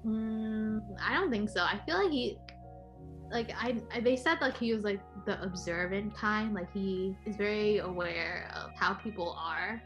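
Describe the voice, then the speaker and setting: A woman's voice: mid-range voice, a little slow, fairly bright tone, soft background music, poor audio. A young adult woman in a casual book chat over a video call from a small room. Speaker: book discussion participant.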